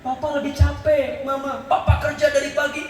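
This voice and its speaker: A man's voice: very high voice, fairly even intonation, normal speed, soft background music. A man voicing an exasperated wife who scolds her husband and rattles off complaints, in an echoey hall. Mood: complaining. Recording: echoey hall, mic far off.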